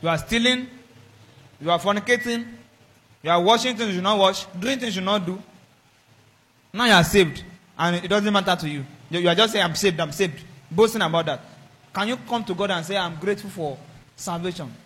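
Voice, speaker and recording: High bright-voiced preacher man. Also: brisk, long pauses. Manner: animated preaching, acting out exchanges in raised voices. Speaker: pastor. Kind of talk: sermon.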